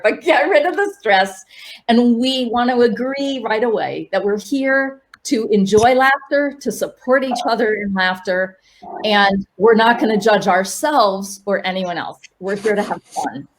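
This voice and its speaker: A woman laughter coach leading an online workshop, upbeat and coaxing, with sudden high cheers. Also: normal speed.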